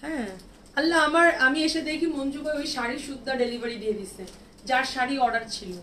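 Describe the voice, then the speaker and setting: A woman's voice: high-pitched, fast talker, pushed and bright, a little hiss or hum. A woman hosting a live clothing sale, chatting casually and answering viewer comments while showing dresses. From Bangladesh. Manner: chatty, reads out and answers viewer comments, mixes in English words. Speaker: online boutique seller hosting a live sale. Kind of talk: live-stream sales chat.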